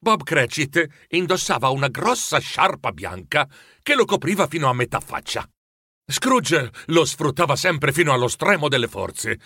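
A man reads a storybook aloud with lively, animated swings of pitch. His voice is bright and a little husky, recorded close and dry with no room sound. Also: no room sound. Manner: expressive, animated reading. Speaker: narrator. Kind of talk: storybook narration.

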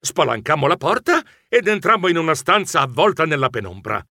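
A man narrating a children's adventure story as a bookish mouse, in his own voice, with animated delivery. His voice is bright and moves around a lot, a little higher than usual. Close, dry studio sound. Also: fairly quick, no echo. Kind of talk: audiobook narration.

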